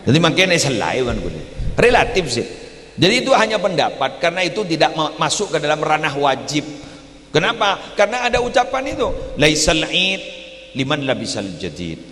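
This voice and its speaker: A man with a Madurese accent preaches a humorous Islamic sermon, his voice sitting a little high and bouncing between quiet asides and loud, lively exclamations. His words ring out through a large hall with a long, trailing reverb. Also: brisk.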